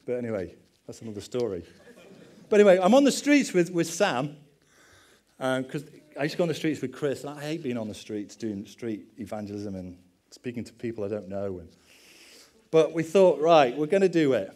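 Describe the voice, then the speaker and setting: A man's voice: medium pitch, very animated, fairly quick, a little mellow. A middle-aged man, a pastor giving a conversational sermon with personal stories and self-deprecating asides.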